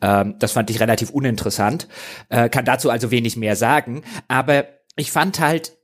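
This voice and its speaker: Husky, blunt man. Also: mid-range voice, a little fast. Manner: argumentative and blunt. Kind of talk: casual podcast discussion.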